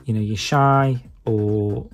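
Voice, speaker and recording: A man's voice: lowish voice, steady tone, takes it slowly, soft background music. A man with a Stoke-on-Trent English accent chatting casually to his viewers, rambling in a hesitant, self-deprecating way with lots of filler phrases. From England. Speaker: YouTube video maker and podcaster.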